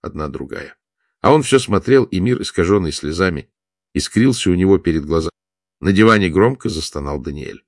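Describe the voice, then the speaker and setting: A man narrating a war story in a steady, measured reading. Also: low-pitched, no echo, studio quality. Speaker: audiobook narrator. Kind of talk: scripted narration.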